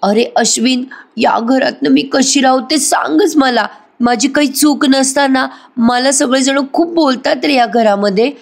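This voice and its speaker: A woman voicing a scheming young woman who fakes tears, speaking in a whiny, self-pitying voice pitched above her own. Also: normal speed, close to an everyday voice.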